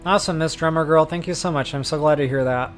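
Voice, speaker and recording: This game livestreamer is a man with a slightly high voice who talks quickly and casually to his viewers. He's chatty and informal, calling them "guys" and "y'all," with game music playing behind him.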